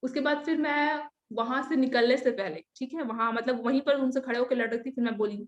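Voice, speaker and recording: A young woman with a high voice tells her testimony like a lively everyday story. She talks animatedly, acts out each side of the dialogue and laughs often along the way. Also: fairly quick, muffled recording. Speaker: testimony speaker. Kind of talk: personal testimony told as casual story.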